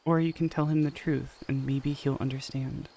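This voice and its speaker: A man's voice: mid-range voice, level tone, moderate pace, mellow, close to an everyday voice. A man reading the lines of a hesitant young woman torn between her lover and her family, in an audio story.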